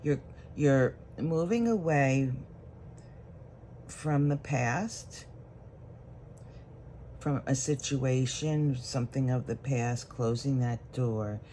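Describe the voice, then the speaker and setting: A tarot reader with a warm, mid-range voice reads directly for the viewer, calmly thinking aloud as the cards are drawn. There's a bit of hiss or hum in the audio.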